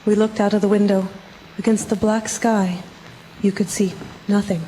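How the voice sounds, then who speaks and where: A woman's voice: medium pitch, little pitch movement, moderate pace, close to an everyday voice. A woman playing a sober young wife who narrates her written record in a radio drama. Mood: tense. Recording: long reverb, faintly noisy radio recording.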